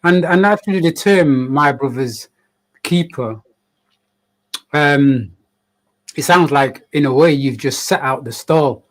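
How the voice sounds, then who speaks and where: Host guy, higher voice, friendly and encouraging with guests. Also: slow pace, pauses often. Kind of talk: casual conversation.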